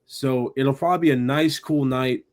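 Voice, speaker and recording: A man's voice: medium pitch, steady tone, moderate pace. A man co-hosting a hockey podcast, chatting casually and reeling off stats and trivia. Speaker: podcast co-host.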